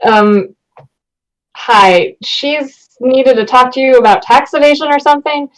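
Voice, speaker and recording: Wry young woman, fairly high voice. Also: a little slow, poor audio. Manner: wry, sardonic. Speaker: tabletop game player. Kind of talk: casual improvised role-play banter.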